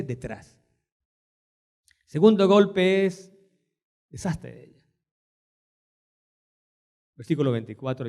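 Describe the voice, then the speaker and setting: A man preaching a sermon, dramatic and questioning, dropping soft then rising loud and slow for quoted words. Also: on the high side. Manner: asks the listeners many questions. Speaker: pastor.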